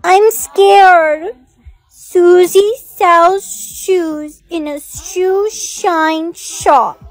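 A woman voicing a timid little girl in a comedy skit, speaking slowly and carefully. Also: very high voice, no echo. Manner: slow, careful, scared little voice.

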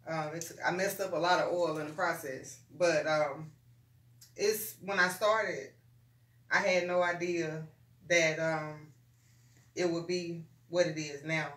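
A woman's voice: deep voice, fairly even intonation, slow, fairly bright tone. A woman in her forties, a guest soap maker, talking easily about her background with many "you know"s. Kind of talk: casual interview. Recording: echoey room, mic at a distance.

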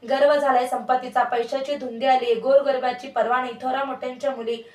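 A woman's voice: sits high, steady tone, fairly quick, a little mellow, lightly acted. Disguised goddess, old beggar woman, scolding, read by a woman narrator, echoey and distant. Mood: indignant. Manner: scolding, bitter. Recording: echoey room, voice far from mic.

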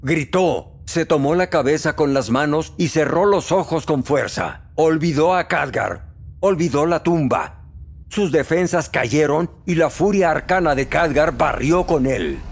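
A man narrating a fantasy audiobook in a steady, dramatic storytelling manner. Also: on the high side, measured pace. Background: faint music.

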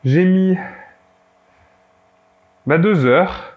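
This young film photography YouTuber, stuffed up with a cold, walks through his home film developing in a loose way, full of fillers and restarts. He speaks high-pitched with drawn-out words, and the audio is dull. Recording shifts from a camera mic in a home darkroom corner to a close-up studio mic in a dim studio room.

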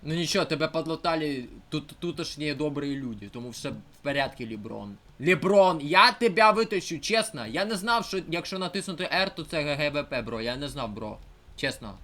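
A young man giving casual let's-play commentary, swinging between mumbled asides and shouted outbursts. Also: a little high, animated, a little fast. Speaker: gameplay streamer.

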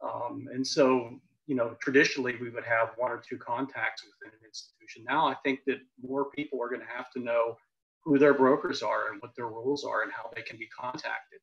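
Insurance panelist, man, gravelly voice, muffled call sound. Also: medium pitch, fairly even intonation, fairly quick, a bit bright. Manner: loose, hedging with fillers. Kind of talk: panel discussion. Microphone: video call. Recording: dull video call audio.

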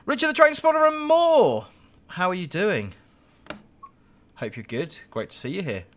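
This man, a live-stream host and train driver, gives jokey, rambling gameplay commentary to his viewers. His high voice swoops wildly in pitch at a moderate pace, with a slight hiss or hum audible.

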